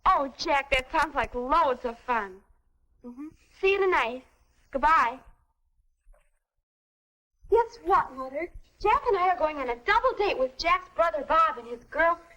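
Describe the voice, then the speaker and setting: Earnest 1950s American teenage girl, high-pitched. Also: animated, measured pace, long pauses, pushed and bright, exaggerated voice, low-quality recording. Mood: eager, bright. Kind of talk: stagy 1950s educational film acting.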